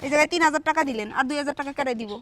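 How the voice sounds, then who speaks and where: A woman's voice: high-pitched, very fast, a bit bright, slight background noise. A woman playing a defiant poor laborer. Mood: indignant. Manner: indignant, firm, demanding. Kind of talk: short-film drama acting.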